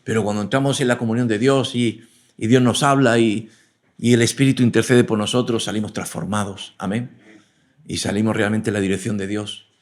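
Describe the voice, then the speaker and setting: Earnest male preacher, low voice, sermon with frequent amens. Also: steady tone, fairly quick. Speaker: preacher and teacher.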